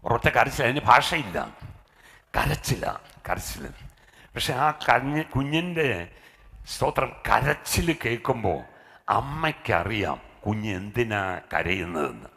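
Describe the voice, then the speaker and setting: A man's voice: mid-range voice, animated, unhurried, creaky, pauses often, pushed and bright. A middle-aged man preaching a sermon as pastor. He punctuates his talk with frequent hallelujahs and rises into emphatic calls.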